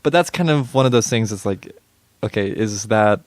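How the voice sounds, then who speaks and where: A young man co-hosting a podcast in relaxed, rambling chat. His voice sits a little low, and he stumbles through fillers and restarts, often laughing. The recording is dry and close, with no room sound. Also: normal speed, no room sound. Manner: hesitant, many fillers and restarts, laughs easily. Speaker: podcast co-host. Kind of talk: casual chat.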